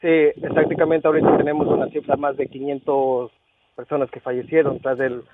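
A man's voice: mid-range voice, steady tone, brisk, distant mic, very noisy. A man co-hosting a radio show, telling jokes animatedly and acting out the voices in them. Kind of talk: joke telling and radio chat. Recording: tinny phone-like radio sound.

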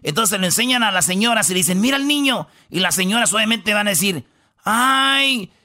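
A Mexican man with a high, piercingly bright voice runs a joking radio countdown. He keeps the talk rowdy and full of slang, and he teases as he goes. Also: quick pace. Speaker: radio show host.

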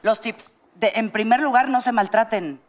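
Mexican woman, talk-show panelist, lively storytelling, casual. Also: on the high side, normal speed, crowd noise. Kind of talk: casual chat.

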